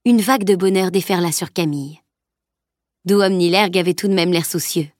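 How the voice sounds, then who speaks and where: A woman narrating a novel as an audiobook in an even, steady reading. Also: on the low side, brisk, dry recording, studio quality. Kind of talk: scripted narration.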